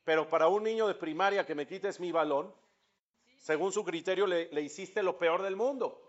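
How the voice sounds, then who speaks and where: A man's voice: high-pitched, moderate pace, dull audio. A man, a rabbi with a Mexican accent, giving a religious lecture, asking the audience questions and building to emphatic peaks. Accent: Mexican Spanish.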